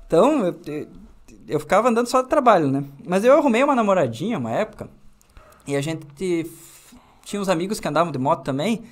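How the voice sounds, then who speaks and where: A man's voice: high voice, fast. A man in his thirties from southern Brazil, a guest telling self-mocking stories in a casual studio chat. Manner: animated storyteller, self-mocking. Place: small foam-padded studio room.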